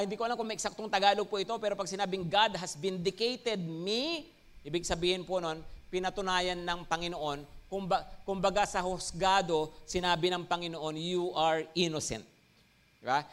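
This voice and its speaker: A man's voice: high-pitched, clean tone. A man with a Filipino accent preaching a sermon as pastor. He switches between Tagalog and English and often checks in with "no?" and "Amen?". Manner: lively, rising emphasis on key words.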